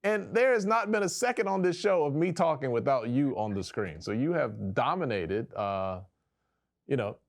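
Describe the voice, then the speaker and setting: A male talk show host with a mid-pitched voice. His intonation swings widely as he banters and jokes casually. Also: normal speed, vocal fry. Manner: animated, joking.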